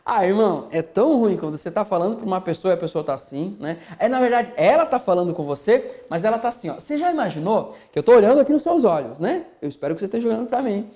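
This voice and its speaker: Animated Brazilian pastor, high voice. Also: male voice, quick pace, hardly any pauses. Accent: Brazilian Portuguese. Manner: folksy, animated, acts out little scenes. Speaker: pastor teaching a course. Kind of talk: video lesson. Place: indoors, seated before a camera. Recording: dull lo-fi sound.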